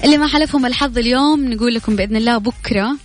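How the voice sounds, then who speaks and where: Racing along in a high-ish voice over loud music, a woman with a Saudi Hejazi accent hosts a live radio quiz from the studio. She chats warmly, congratulates winners, and calls out questions and prizes.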